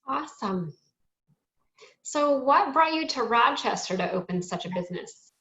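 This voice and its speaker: A woman hosts a career interview, asking short and friendly questions. Her voice is a bit high and sounds through a roomy echo. The sound is slightly dull. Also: expressive, normal speed, pushed and bright.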